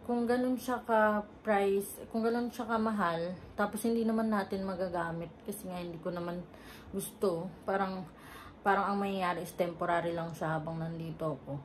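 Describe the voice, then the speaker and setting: Brief: young Filipina vlogger, chatty, laughs a lot, mid-pitched voice, faint background noise. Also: female voice, fairly even intonation, moderate pace. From Philippines. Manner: chatty, laughs often, mixes English in. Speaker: travel vlogger. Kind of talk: casual vlog storytelling.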